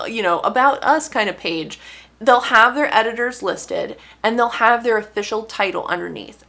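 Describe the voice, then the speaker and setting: A young woman vlogging about her writing life with a bright, sharp edge and gravelly fry in her voice. She sounds wry and exasperated and leans hard on words for emphasis. Her voice sits a little high. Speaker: author. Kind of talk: casual vlog talk to camera.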